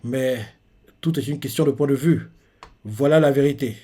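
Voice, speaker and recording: A man's voice: medium pitch, normal speed, breathy edge, close to an everyday voice. Brief: man reading a young female scientist clone, emotional, read off the page, light acting. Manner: read flatly from manga panels, then a sudden loud wail.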